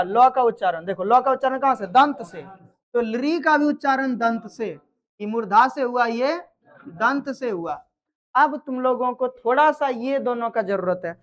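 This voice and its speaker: A woman teaching a grammar class, quizzing students and checking that they follow. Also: sits high. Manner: quizzes students, repeats answers, checks understanding. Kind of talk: live classroom lesson.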